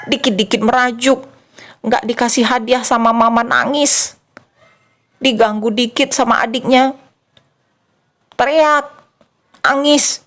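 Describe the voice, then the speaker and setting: A young woman giving a lively children's church sermon, addressing the kids directly and acting out small voices and exclamations. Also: mid-range voice. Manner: animated, acts out little voices and exclamations for kids.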